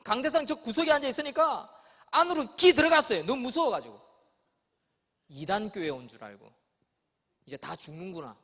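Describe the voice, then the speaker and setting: A man's voice: very high voice, sing-song, normal speed, long pauses, a bit bright. A male pastor telling a childhood story in his sermon, acting out voices. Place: church sanctuary. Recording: long church hall reverb.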